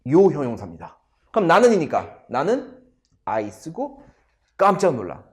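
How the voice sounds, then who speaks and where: Male teacher, slightly high voice, very animated intonation, unhurried delivery. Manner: drills sentences slowly, addresses viewers directly. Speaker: English teacher. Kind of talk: English grammar lesson.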